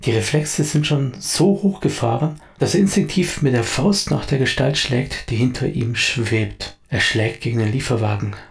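A man narrating a scripted story dramatically and briskly. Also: medium pitch, creaky.

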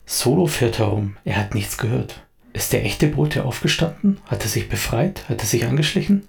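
A man narrating a scripted story dramatically and briskly. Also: medium pitch, lively intonation, vocal fry.

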